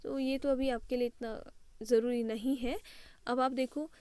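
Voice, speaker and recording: A woman's voice: a little high, fairly even intonation, unhurried, warm tone, clean tone, no echo. A woman teaching an English lesson, switching between Hindi and English and spelling words out letter by letter.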